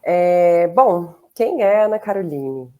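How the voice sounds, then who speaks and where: Speaking slowly in a fairly low, expressive voice, this interview guest chats casually, with warm little laughs and many fillers throughout. She's in her thirties, originally from southern Brazil and raised in Goiás, with a Goiânia accent of Goiás Brazilian Portuguese. The sound quality is lo-fi.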